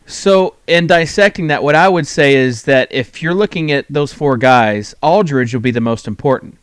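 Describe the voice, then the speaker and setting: A man hosting a fantasy sports call-in show, talking loosely with many pauses and restarts. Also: fairly high pitch, smooth, no echo. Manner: rambling, full of fillers and restarts. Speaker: host. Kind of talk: casual sports talk show.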